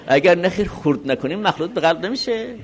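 Lively male seminary lecturer. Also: high voice. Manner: reads Arabic text slowly, then explains it quickly. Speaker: seminary teacher. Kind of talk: religious law lecture.

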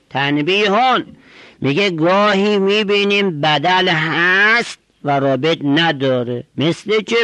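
In a measured, explanatory cadence, a man reads short Arabic phrases and explains each one as part of a traditional grammar lesson. His voice sits at medium pitch and sounds a bit bright, and the recording is dry.

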